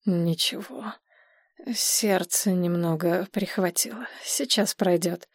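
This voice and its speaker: A woman voicing an aging writer with a weak heart, dropping her voice low and strained. The audiobook reading sounds dry and close. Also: fairly even intonation, measured pace, a little mellow, no room sound, lightly acted.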